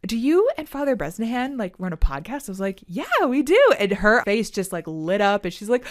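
A woman's voice: mid-range voice, animated, brisk, no echo, studio quality. A woman co-hosting a parish podcast, chatting casually and telling stories animatedly with many fillers. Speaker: podcast co-host. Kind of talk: casual chat.

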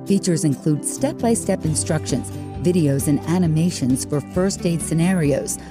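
A woman's voice: low-pitched, moderate pace, music in the background. A woman presenting a short scripted health segment for radio.

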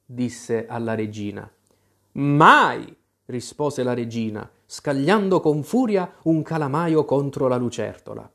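A man reading a children's story aloud in a calm, expressive narration. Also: medium pitch, unhurried, gravelly, few pauses.

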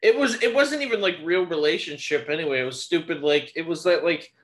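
A man's voice: on the high side, brisk. A young man co-hosting a podcast in casual banter, joking, swearing and laughing often. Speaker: podcast co-host.

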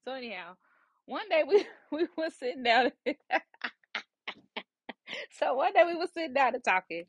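A psychic medium who also hosts a podcast tells a personal story in a casual, animated way, often saying "you know." Her voice is high and sing-song, her pace normal, and the recording has no echo.

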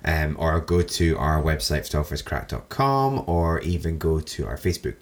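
Deep-voiced chatty man. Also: moderate pace. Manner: chatty, laughs often, excitable storytelling. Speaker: podcast co-host. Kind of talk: casual chat.

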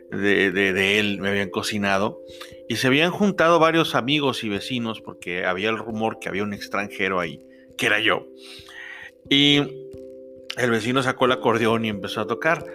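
A young Mexican man with a Mexican accent, telling a personal travel story in a relaxed, chatty way with many fillers. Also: medium pitch. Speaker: podcast storyteller. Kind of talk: first-person travel anecdote.

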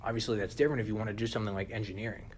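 A young man co-hosting a podcast in casual chat, animated and often turning to listeners with "listen". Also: lowish voice, rapid-fire, slight background noise. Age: young adult. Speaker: podcast co-host.

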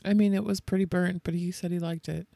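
Casual co-host, gravelly, wry and squeamish, dry close mic. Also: mid-range voice, level tone, fast talker, mellow, no echo. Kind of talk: casual banter.

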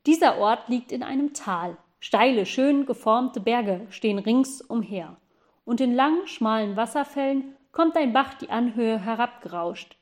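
A woman narrating a children's storybook in a calm, even reading voice. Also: a little high, measured pace. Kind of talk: audiobook storytelling.

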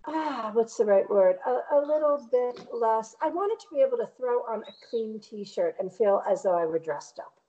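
A woman's voice: fairly high pitch, lively intonation, moderate pace, few pauses, mellow, muffled recording. A middle-aged woman from Connecticut with a New England American accent, chatting reflectively in a casual interview. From Connecticut, United States. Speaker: painter interviewed as guest.

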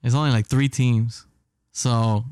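A man's voice: mid-range voice, steady tone, unhurried, a little mellow, clean tone, dry recording. Chill guy talking hoops, laughs a lot, dry close sound. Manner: laid-back, laughs often, trails off and restarts. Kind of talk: casual basketball chat.

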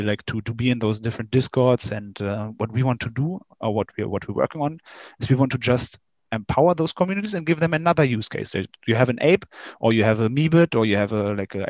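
Man, interview guest, hesitant, many fillers, mid pitch, dry sound. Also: a little mellow, dry recording, lo-fi sound. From Germany. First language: German. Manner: halting, many fillers and restarts. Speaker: interview guest, game company staff. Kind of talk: casual interview answers.

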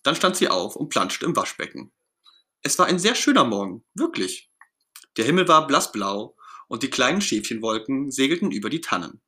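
A man reading a children's story aloud as narrator, in an expressive, gentle storytelling manner. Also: medium pitch, moderate pace.

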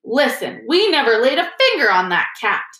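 Woman reading as a gruff, defensive schoolboy. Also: on the high side, lively intonation, moderate pace, reverberant, lightly acted. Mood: hot, defensive. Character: blunt, gruff, hot-tempered schoolboy.

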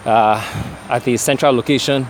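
A Nigerian-accented man, shifting at times into Nigerian Pidgin, offers an unrehearsed and hesitant field report and interview beside a bridge. He speaks at a medium pitch and a moderate pace with fairly level intonation. Street and vehicle sounds are faintly heard outdoors.

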